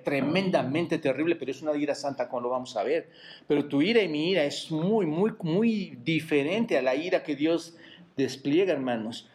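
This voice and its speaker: In a church, a Mexican-accented pastor with a somewhat high voice poses rhetorical questions to his congregation during a sermon. Each time he says "hermanos," or "brothers," his voice sinks into a hushed aside, and he says it repeatedly.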